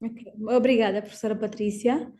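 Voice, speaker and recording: A woman from Portugal with a European Portuguese accent, moderating an academic online panel and often pausing with "ah" and "não é?". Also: a little high, steady tone, dark tone. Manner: hesitant, fills pauses with "ah" and tags "não é?". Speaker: session debater and moderator. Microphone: video call.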